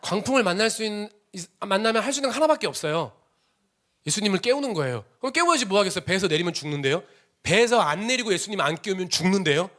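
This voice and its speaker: Male preacher, slightly high, very animated delivery, shifts between loud exclamations and whispers. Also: fast talker. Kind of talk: emotional Sunday sermon. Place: church sanctuary.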